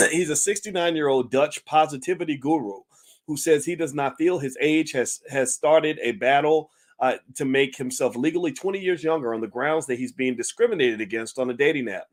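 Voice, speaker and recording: Addressing his viewers directly, a channel host offers casual, chatty commentary like a talk show. His slightly high male voice is marked by restarted sentences, laughter, and questions to the audience.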